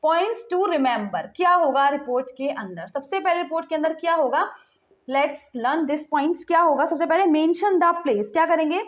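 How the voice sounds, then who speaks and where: A woman's voice: very high-pitched, animated, normal speed, few pauses. A young woman teacher giving a casual online lesson, mixing Hindi and English, repeating points and checking in with students often. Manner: repetitive, checks in with "theek hai" constantly; mixes Hindi and English mid-sentence.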